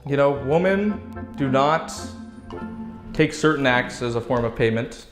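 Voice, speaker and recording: A young man answers a mock job interview in a hesitant, filler-heavy way, his voice at an ordinary pitch. The room is echoey, with faint music somewhere behind him. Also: animated, measured pace.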